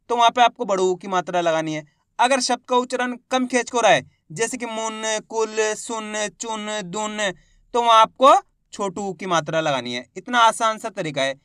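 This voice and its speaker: A man teaching Hindi reading, sounding out words syllable by syllable and quizzing his students in a slow, repetitive classroom manner. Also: very high-pitched, fairly bright tone, dry recording, clean studio sound.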